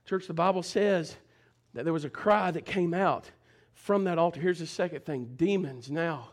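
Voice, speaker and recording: A male pastor preaching a fervent sermon, calling out to his congregation and swinging between shouting and hushed low talk. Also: normal speed. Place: church service.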